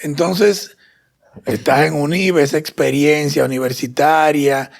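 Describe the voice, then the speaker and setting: A podcast host from the Dominican Republic speaks with a heavily gravelly voice. The questions come at an unhurried, slow pace, with brief encouraging replies in between. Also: medium pitch, fairly even intonation. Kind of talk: podcast interview.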